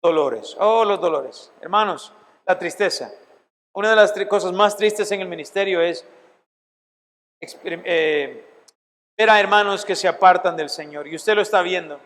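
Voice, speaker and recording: High-voiced man preaching in a hall. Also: normal speed, fairly bright tone. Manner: emphatic, asks the audience questions. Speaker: pastor teaching a seminary class. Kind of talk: sermon-like Bible lecture. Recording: long hall reverb.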